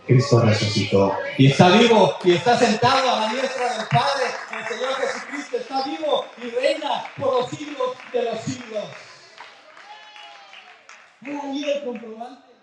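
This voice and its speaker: A man preaching an expository sermon with passion, his voice swinging from soft to loud. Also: very high voice, moderate pace. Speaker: pastor. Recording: echoey church hall with faint noise.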